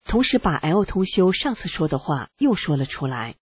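An adult reading a personal testimony aloud in a steady first-person way, earnest and reflective. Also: mid-range voice, normal speed, breathy edge, no room sound.

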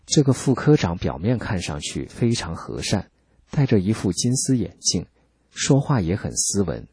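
Deep, very husky male narrator. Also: dry recording. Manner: calm, measured storytelling. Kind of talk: scripted first-person narration.

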